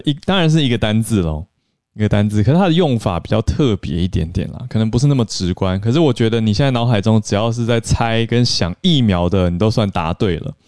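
A podcast host talks through the news in a chatty, explaining way, with plenty of fillers. His voice sits a little low and comes across smooth and clear. The sound is dry and close to the mic, with no room echo. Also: a little mellow. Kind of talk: casual news and English-learning podcast talk.

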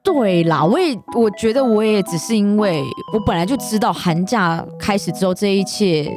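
Brief: young woman, animated pitch, easy agreeable chat over music. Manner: agreeable, quick affirmations. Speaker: guest co-host. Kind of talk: casual chat.

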